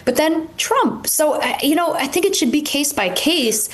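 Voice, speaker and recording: Twentysomething woman cohosting a politics chat, blunt and candid, fairly high voice. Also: expressive, normal speed. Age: 20s. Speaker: co-host. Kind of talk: casual political debate.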